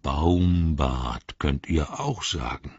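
A man voicing an ancient, patient male tree giant with a rumbling, drawn-out, hushed voice. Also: husky, no echo, muffled recording, exaggerated voice. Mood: slow, ponderous.

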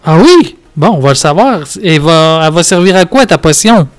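Playful Quebec French man, higher voice. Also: animated, brisk, soft background music. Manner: playful, joking, laughing asides. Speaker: podcast host. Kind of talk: casual chat while playing a game.

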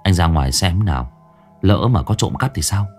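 A man voicing a nervous but stubborn young husband in a low, hushed voice. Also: animated, normal speed, soft background music.

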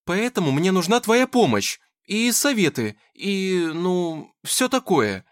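A man voicing an eager, excitable young woman anxious to please. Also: high voice, slow, pitched above the performer's own voice, heavily acted. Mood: excited. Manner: bubbly, excitable.

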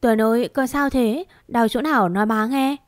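A woman's voice: fairly high pitch, moderate pace, no echo, studio quality, close to an everyday voice. A woman voicing a grieving, harsh old mistress of the house. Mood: alarmed. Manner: wailing, scolding.

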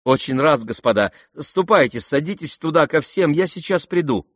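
A male reader voicing a gentle, earnest young nobleman in an audiobook. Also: mid-range voice, fairly even intonation, fairly quick, dry recording, studio quality, pitched above the performer's own voice, close to an everyday voice. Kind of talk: audiobook character reading.

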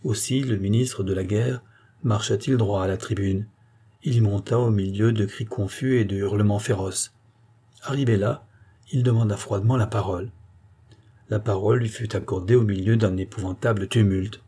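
Man, husky voice, warm and dark, steady storybook reading. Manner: measured storytelling, lifting pitch for quoted voices. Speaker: audiobook reader. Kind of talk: scripted narration of a classic novel.

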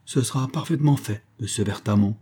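A man's voice: fairly low pitch, brisk, warm tone, husky. A man reading the part of a bold young cavalier lover, gallant and theatrical, in an audiobook.

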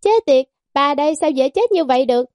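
A woman's voice: high-pitched, animated, brisk, darkish tone, no echo, clean studio sound. A woman voicing a fierce, foul-mouthed mantis queen who is also a mother, talking brusquely and threateningly. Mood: gruff scolding.

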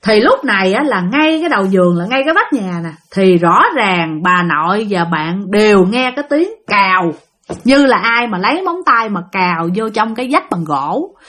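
A woman with a Southern Vietnamese accent tells a ghost story, speaking directly to her listeners in an animated way. Her voice sits at medium pitch and moves at a normal speed.

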